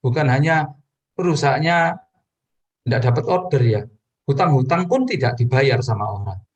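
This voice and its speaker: A man's voice: very animated, normal speed, husky, lo-fi sound. A man preaching in a personal testimony, telling his story earnestly to the congregation and addressing them directly. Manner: earnest storytelling with sudden pitch rises.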